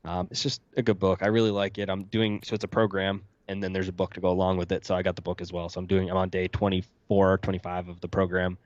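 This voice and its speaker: Man, podcast guest, rapid speech, dry, dull-sounding audio. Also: low voice, flat delivery, no echo. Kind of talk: casual podcast conversation.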